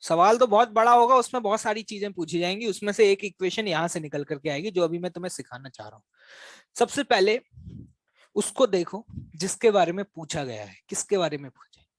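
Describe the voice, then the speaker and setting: Male physics teacher, high voice, dry close sound, rapid-fire questions, coaxing and teasing students. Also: fairly bright tone, no room sound. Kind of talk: classroom lecture.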